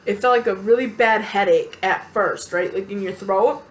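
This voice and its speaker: A woman telling a personal story to camera in a casual, animated, chatty way, venting bluntly and acting out quotes. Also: medium pitch, normal speed. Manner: animated, chatty, lots of fillers and acted-out quotes.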